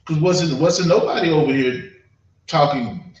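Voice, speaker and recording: A fairly high-pitched American man gives a relaxed sermon as a public address, sounding far away in a flat, echoing room. He hesitates, says things more than once, and often checks in with the crowd as if chatting.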